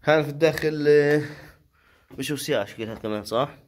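Palestinian man narrating a cave exploration. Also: on the high side. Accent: Palestinian Arabic. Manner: observational, pausing to speculate. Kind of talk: unscripted exploration commentary. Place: at and inside a rock cave. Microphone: handheld phone or camera. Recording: faint noise, handheld camera audio.

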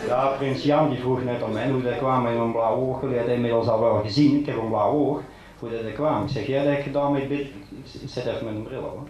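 A man's voice: medium pitch, fairly even intonation, quick pace, noisy background. A man performing a carnival stand-up monologue, chatty and punchline-driven, telling local jokes. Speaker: carnival comedian. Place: large hall before a live audience. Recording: echoey hall with loud crowd laughter.

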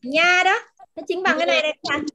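A woman teacher in an online class, patiently explaining words and pronunciation and repeating them slowly over a video call. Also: very high-pitched, fairly even intonation, sharp tone. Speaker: language teacher.

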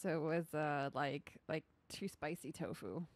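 A woman's voice: low-pitched, animated, measured pace. A woman co-hosting a gaming stream, bantering in a playful, jokey way. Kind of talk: casual let's-play banter.

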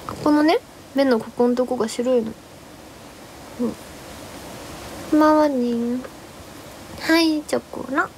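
A woman's voice: high-pitched, measured pace, pauses often, a little mellow, a little hiss or hum. A young woman chatting casually on a livestream. She rambles about her day and greets viewers one by one. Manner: rambling, chatty, greets viewers, refers to herself in third person. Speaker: livestream host.

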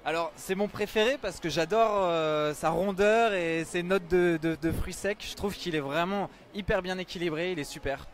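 A man's voice: high voice, moderate pace, few pauses. A young man in his twenties working in research and development, answering with enthusiasm into a handheld mic at a busy indoor trade stand. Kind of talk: live event interview. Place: busy indoor exhibition hall. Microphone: handheld mic held by the interviewer.

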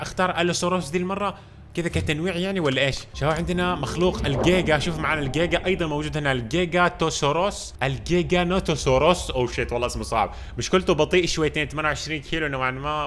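A man rattling off let's-play commentary at breakneck speed, excitable and chatty with his viewers. His voice sits a little higher than most men's. A faint hiss runs underneath. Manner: excitable, constantly talking to viewers as "guys". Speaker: gaming channel host.

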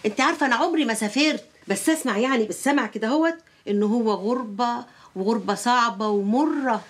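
A sly middle-aged mother in a TV drama, played by an actress, sweet-talking in a high voice. She sounds a little distant from the mic. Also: fast, lightly acted.

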